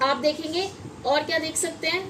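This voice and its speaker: A woman's voice: extremely high pitch, normal speed, background noise. A woman teaching English pronunciation in a patient classroom manner, asking questions and answering them herself. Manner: patient, addresses viewers as children, asks and answers her own questions. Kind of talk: classroom-style lesson at a whiteboard.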